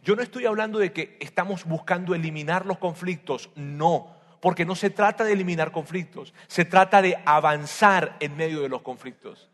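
A man with a high voice preaches a sermon on family life in a large hall, and his words trail off in a long reverb. He speaks in an animated way, repeating phrases for emphasis. He moves from loud bursts to soft, close asides. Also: normal speed.

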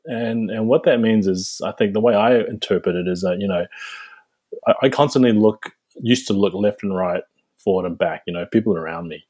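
A man in his forties from New Zealand, a guest dentist answering interview questions in a reflective, halting way with frequent restarts. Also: on the low side, a little mellow, slightly rough.

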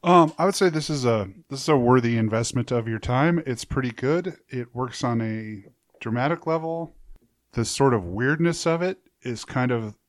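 A man's voice: medium pitch, normal speed, dry recording. A man from central Wyoming, co-hosting a review podcast with a dry, rambling wit. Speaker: podcast co-host. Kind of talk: casual review chat.

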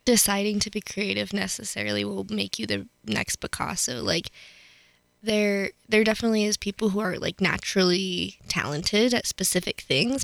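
Young female college radio co-host, animated and chatty, medium pitch, dry close mic. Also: gravelly, no echo. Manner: animated, laughs often, says "like" a lot. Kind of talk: casual chat. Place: radio studio.

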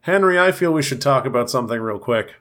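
A young man co-hosting a podcast in casual comedic chat, deadpan, his voice worn from a recent bout of laryngitis. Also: mid-range voice, fast talker. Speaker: podcast co-host.

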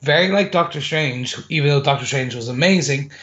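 A man's voice: on the high side, a little fast, fairly bright tone. A man co-hosting a casual chat, laying out his predictions step by step. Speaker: podcast co-host. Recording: slightly dull, muffled audio.

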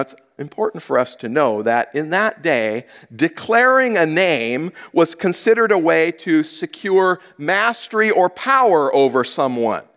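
A man preaching a teaching sermon, moving between loud emphasis and hushed asides. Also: sits high. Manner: teaching verse by verse, dramatic swings from loud to hushed. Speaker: pastor.

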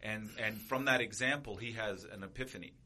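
A man's voice: on the low side, fairly quick, bright, forceful tone. A man in casual chat, speaking emphatically with plenty of swearing. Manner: emphatic, preachy, heavy swearing.

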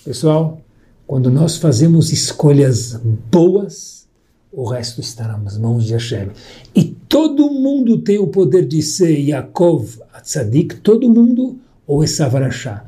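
A man telling a moral story as a sermon, lively and acting out the people in it. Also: on the high side, unhurried. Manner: lively storyteller, voicing characters in quotes.

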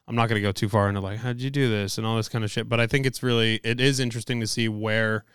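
A tired podcast host at the end of a long day speaks in a lowish, smooth, slightly bright voice. Between ad reads, his casual talk is loose and profane with many fillers, captured in a dry, studio-quality recording.

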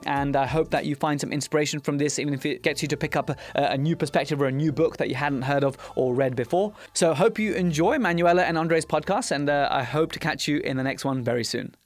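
A man's voice: on the high side, fast talker, hardly any pauses. A man, a dentist talking as a podcast guest, fluent but full of fillers and restarts. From United Kingdom. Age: 30s. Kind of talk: casual podcast conversation.

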